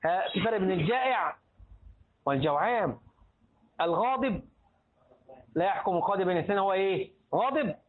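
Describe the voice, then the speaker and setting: A man with a fairly high voice and an Egyptian Arabic accent gives a religious lesson to a class, asking students questions and prompting them to finish his sentences. The sound is thin and tinny, like a phone line. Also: lively intonation, fast talker, pauses often. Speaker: religious teacher.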